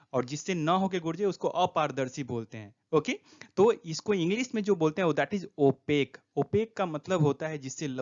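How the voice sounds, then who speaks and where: A man giving an exam prep lesson, explaining each word slowly and reading English prompts aloud. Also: a little high. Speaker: teacher. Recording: dull lo-fi recording.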